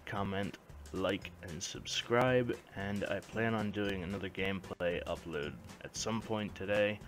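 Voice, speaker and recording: A man's voice: low-pitched, a little slow, faint music behind. A young man giving a casual vlog update as a video creator, speaking into a headset indoors. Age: young adult. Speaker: video creator, gaming vlogger. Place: small bedroom indoors.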